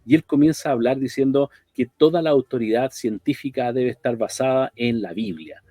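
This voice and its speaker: A man co-hosting a talk program, thinking aloud in an unhurried, reflective way. His voice is mellow and sits at a middle pitch. The sound is dry, with faint music underneath. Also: no room sound. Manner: thoughtful, often ends phrases with a questioning tag. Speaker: radio program co-host.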